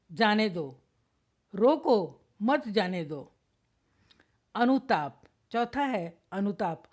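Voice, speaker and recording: Slow, deliberate Hindi grammar teacher woman. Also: fairly high pitch. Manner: slow, deliberate, sounding out each example word. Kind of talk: lecture read from notes.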